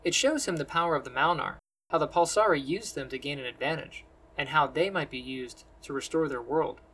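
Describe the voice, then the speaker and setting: A man narrating a science-fantasy story in measured, descriptive storytelling. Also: fairly high pitch, a bit bright, husky, rough recording. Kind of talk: scripted fantasy audiobook narration.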